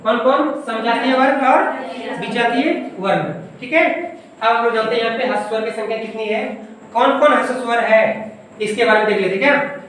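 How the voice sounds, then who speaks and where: A woman's voice: a little high, brisk, a bit bright, a little hiss or hum. Echoey, far-off woman teaching grammar. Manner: asks the class questions and answers them herself. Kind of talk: classroom lesson. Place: coaching classroom.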